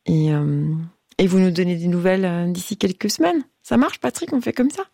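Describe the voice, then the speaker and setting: Her voice low, creaky and dark, a woman talks fairly quickly while hosting a late-night radio phone-in. She's playful with the caller, laughs often and stumbles hesitantly over song titles.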